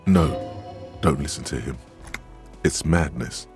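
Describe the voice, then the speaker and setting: A man's voice: very deep voice, slow, darkish tone, faint music behind. A man voicing a brooding male inner voice that narrates a detective's thoughts, solemn and theatrical, from a video game.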